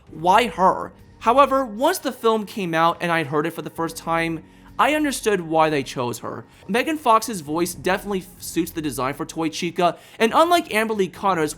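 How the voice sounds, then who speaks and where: A man's voice: high-pitched, fairly bright tone. A man hosting a video, delivering scripted review commentary.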